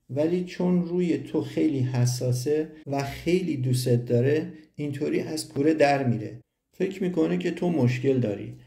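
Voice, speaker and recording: Man reading a calm gentle father. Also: medium pitch, creaky, close to an everyday voice. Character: calm patient father, good-humored. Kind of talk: audiobook reading. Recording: roomy echo.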